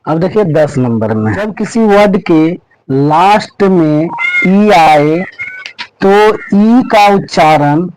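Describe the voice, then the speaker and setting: A man's voice: fairly high pitch, expressive, takes it slowly, darkish tone, smooth, poor audio. A male teacher explaining pronunciation rules step by step. He repeats himself often and keeps checking in with his students. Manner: repetitive, checks in constantly with "okay"; spells out letters and sounds step by step. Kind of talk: classroom-style lesson explanation.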